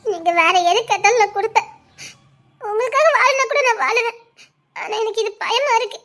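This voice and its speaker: A woman with a Tirunelveli Tamil accent playing a frightened young wife, with a high, tearful voice. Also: moderate pace, a bit bright.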